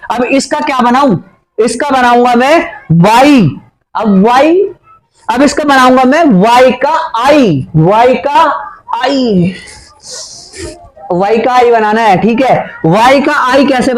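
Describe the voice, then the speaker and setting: A man's voice: extremely high pitch, low-quality recording. A man teaching a playful grammar lesson at a board, chatty and teasing his students, with a Hindi accent.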